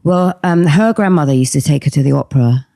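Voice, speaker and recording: Talking fast in a low, mellow, husky voice, a middle-aged woman who acts and sings chats as a podcast guest in a casual interview. She is hesitant, with many ums, and there's no room sound.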